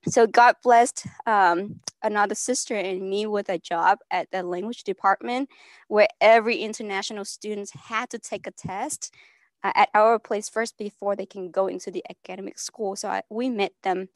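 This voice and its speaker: A soft-spoken woman sharing advice at a church gathering in a casual talk. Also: medium pitch, fairly even intonation, normal speed, no echo.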